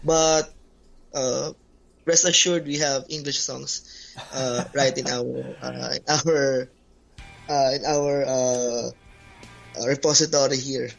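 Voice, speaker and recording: Speaking slowly with long pauses, a Filipino bassist answers interview questions hesitantly in a gravelly mid-range voice that barely shifts in pitch. He has a Filipino accent and Tagalog as his native language, and the lo-fi call audio is dull, with music behind.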